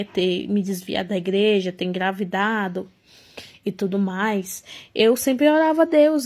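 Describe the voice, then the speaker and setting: A young woman telling her own life story, emotional and halting, often restarting her sentences. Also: medium pitch, darkish tone. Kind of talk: personal life testimony.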